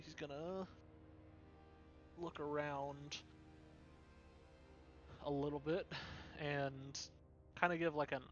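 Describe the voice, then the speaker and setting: Young dm guy rambling thru the scene, kinda high voice, faint music behind. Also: fairly bright tone. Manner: loose and rambling, full of fillers. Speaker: dungeon master. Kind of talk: casual tabletop game narration. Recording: dull lo-fi recording, faint music.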